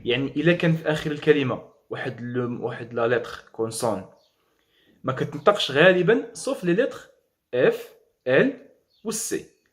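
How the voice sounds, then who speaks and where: Speaking at a medium pitch, a young man with a Moroccan accent runs a French lesson. He spells letters slowly, drills words, and slips in quick remarks in Arabic.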